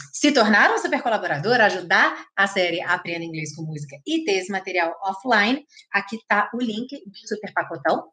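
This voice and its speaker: Woman, from Brazil, English teacher, live online lesson, lively explaining, slow modeled phrases, middle pitch.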